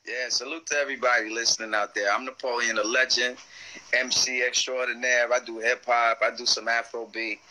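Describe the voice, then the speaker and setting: Laid-back man rapper, bright tense voice. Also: mid-range voice, flat delivery, brisk, rough recording. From Washington DC / Maryland area, USA. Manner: laid-back, streetwise, uses "you know what I'm saying". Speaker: rapper, interview guest. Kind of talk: casual interview on a live video call. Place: room at home, seated in gaming chair. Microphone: phone or webcam on a video call.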